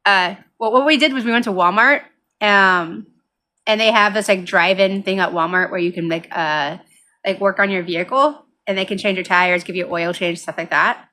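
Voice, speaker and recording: A woman's voice: mid-range voice, moderate pace, pushed and bright. A woman hosting a casual, unedited gaming vlog, giggly and cutesy, often slipping into baby talk. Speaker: gaming channel host.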